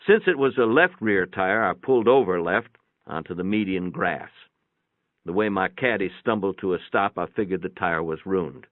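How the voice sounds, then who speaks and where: A deep-voiced man narrates a first-person short story in an animated way at an ordinary pace, keeping a homespun, plainspoken style. The sound is tinny and phone-like, with the echo of a boxy room.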